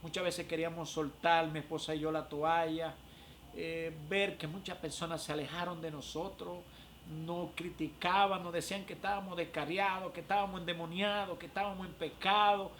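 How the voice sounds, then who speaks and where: A man tells his religious testimony with emotion, often pausing with "eh". His voice sits high for a man. Faint noise runs behind him. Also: flat delivery, a bit bright. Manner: emotional, frequent "eh" fillers. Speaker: prophet.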